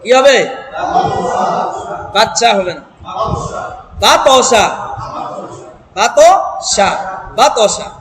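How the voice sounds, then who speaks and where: A man teaching Quran reading in a classroom, breaking words into syllables, quizzing his students and chanting verses slowly. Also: very high-pitched, animated, noisy background. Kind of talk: classroom Quran recitation lesson. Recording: echoey hall with crowd.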